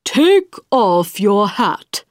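A woman voicing a stern male king giving commands in court, slow and emphatic. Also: mid-range voice, sing-song, no echo, clean studio sound. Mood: commanding.

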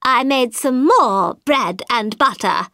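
A woman's voice: sits high, lively intonation, slow pace, bright, forceful tone, no echo, studio quality, voice pushed up, exaggerated voice. A woman voicing a nervous, muddled male hatter who pleads and fumbles in court. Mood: flustered. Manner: flustered, pleading.

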